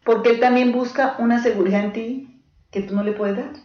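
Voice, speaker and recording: A woman's voice: fairly high pitch, fairly even intonation, fairly quick. Earnest woman teaching in an echoey room. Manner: earnest, direct, tells stories from pastoral cases; keeps checking in with the audience. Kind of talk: teaching talk to a live group. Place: room with a small live group. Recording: echoey room, dull lo-fi, faint hiss.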